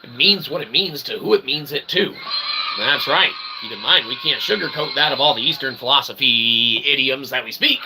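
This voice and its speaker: With a mid-range voice at normal speed, a man streaming solo on his own channel spins out a rambling, comedic pseudo-philosophical monologue. He swings between mock-formal verbosity and crude swearing, adding short tag questions, and the recording is clearly noisy with ambient sound.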